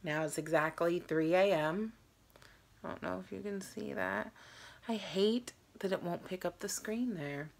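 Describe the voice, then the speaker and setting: A woman's voice: lowish voice, unhurried, gravelly, a little hiss or hum. A tired woman in her thirties chatting casually to camera as she hosts a challenge vlog. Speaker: host of a challenge video. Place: small room at home.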